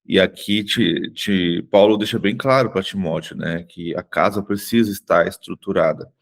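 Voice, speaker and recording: Man, low voice, calm explanatory Bible commentary, video call. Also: normal speed, gravelly. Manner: calm, explanatory, frequent tag questions. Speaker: Bible reading group leader.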